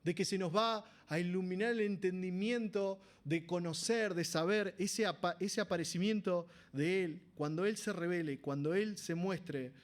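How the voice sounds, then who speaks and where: A man's voice: high-pitched, moderate pace, few pauses. Argentine man preaching with a conversational tone. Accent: Argentine Spanish. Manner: conversational, asks the congregation rhetorical questions. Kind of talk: sermon. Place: church.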